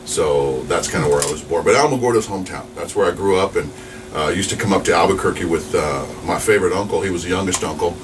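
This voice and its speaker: A man's voice: sits low, quick pace. A man in his forties, a radio DJ from New Mexico, chatting casually in an interview with lots of fillers and restarts. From New Mexico, USA. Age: 40s. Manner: rambling, upbeat, chatty with many fillers. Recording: distant mic with noisy background.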